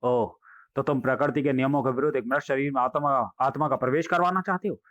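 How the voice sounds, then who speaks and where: A man's voice: medium pitch, fast, a bit bright, muffled recording, natural voice. A man doing an angry young hero. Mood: pleading. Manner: angry, then pleading.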